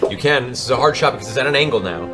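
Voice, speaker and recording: Over background music, a man acts as game master for a tabletop fantasy game, narrating in a dramatic, improvised storytelling style. His medium-pitched voice is expressive and very fast.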